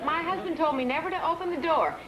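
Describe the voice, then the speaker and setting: A woman's voice: sits high, fast, crowd noise, close to an everyday voice. A woman playing a teasing young wife. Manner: teasing, eager. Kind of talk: 1960s sitcom acting. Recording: noisy TV audio.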